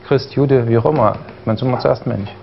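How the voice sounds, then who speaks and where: This young East German talk show guest has a gravelly mid-range voice and a brisk delivery. He stumbles with occasional stutters, many fillers, and restarts during the studio interview, heard through dull broadcast audio carrying faint noise.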